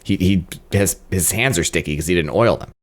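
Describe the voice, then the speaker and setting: A man's voice: low voice, fairly quick. A man co-hosting a film podcast, recapping scenes in casual chat with dry exasperation. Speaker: podcast co-host.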